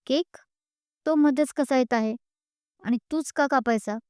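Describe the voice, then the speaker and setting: A woman's voice: high voice, warm tone, clean tone, no echo, clean studio sound, pitched above the performer's own voice. A woman voicing a caring young man who fires off worried questions and teases, in an audio story read by one narrator. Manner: worried rapid questions, teasing. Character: caring young man, protective elder-brother type.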